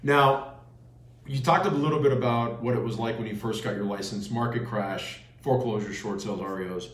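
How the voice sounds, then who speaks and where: A man's voice: medium pitch, brisk. Man hosting an interview, echoey room. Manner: affirming, recaps answers back. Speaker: interview show host. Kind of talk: conversational interviewing.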